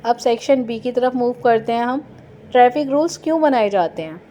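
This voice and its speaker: Mellow-voiced woman teaching a class. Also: on the high side, animated, slight background noise. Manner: explains slowly, asks and answers her own quiz questions. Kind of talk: classroom lesson.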